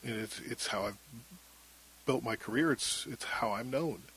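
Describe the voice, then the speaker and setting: A middle-aged man with a thin, husky voice, speaking haltingly and reflectively as he tells his own story in an interview. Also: mid-range voice, a bit bright, rough recording. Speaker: interview guest, former radio broadcaster. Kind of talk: candid personal interview.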